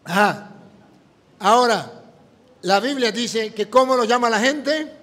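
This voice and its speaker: A priest preaches with a fairly high, animated voice, acting out the dialogue of his story as he goes. His words ring out with a long reverb, as in a big church hall. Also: takes it slowly. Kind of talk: sermon with storytelling.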